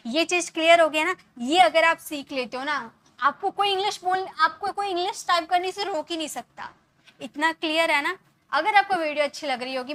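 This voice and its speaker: A woman from India giving an online lesson as an English teacher, patiently explaining and often checking that the point is clear. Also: high voice, pushed and bright. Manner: patient, repeats points with frequent check-ins.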